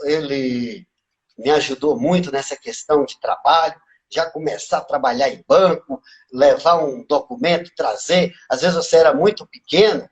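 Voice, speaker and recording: A relaxed Brazilian man in his fifties, born in Minas Gerais and raised in Bahia, speaks in a rather high voice with a faint Bahian Portuguese accent. As a guest in a casual life-story interview, he looks back on his past unhurriedly and conversationally, often ending thoughts with little questions to the listener.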